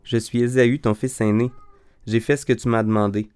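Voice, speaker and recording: A man's voice: mid-range voice, flat delivery, normal speed, a little mellow, smooth, soft background music, lightly acted. Man reading as Jacob, a nervous young deceiver. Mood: uneasy.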